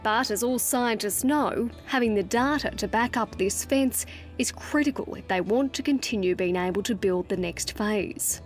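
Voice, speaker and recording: A woman's voice: mid-range voice, moderate pace. An Australian woman narrating a scripted television news feature as a reporter. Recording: music under the voice. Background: music.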